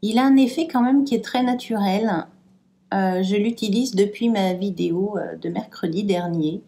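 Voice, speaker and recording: A woman's voice: medium pitch, moderate pace, gravelly, warm tone. A French woman chatting casually through a makeup tutorial, hesitant and trailing off with fillers as she works. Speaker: beauty vlogger.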